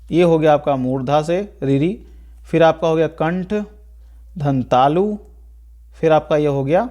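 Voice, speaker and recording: A teacher with a high, darkish voice delivers a Hindi grammar video lecture, explaining step by step. He often checks in with the class by asking "ठीक है" and repeats key points.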